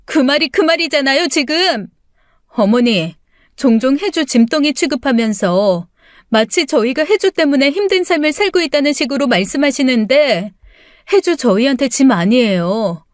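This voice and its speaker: A woman acting out an indignant daughter-in-law in a raised, high, cutting voice. The audiobook sound is dry and close. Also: expressive, normal speed, dry recording. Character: furious protective daughter-in-law.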